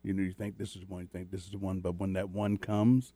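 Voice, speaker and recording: A man speaking as a guest, telling a story in a soft, rambling way. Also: low-pitched, flat delivery, a little fast, dry recording. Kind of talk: casual chat.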